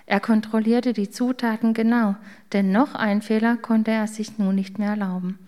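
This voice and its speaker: A woman reading a children's story aloud in a calm, gentle way. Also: medium pitch, moderate pace.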